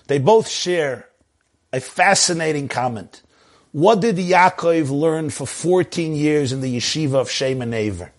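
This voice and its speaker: Male rabbi, high voice, animated preaching, emphatic rhetorical questions, Hebrew and phrases. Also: unhurried. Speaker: rabbi giving a talk. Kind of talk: animated sermon on a video call. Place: video call.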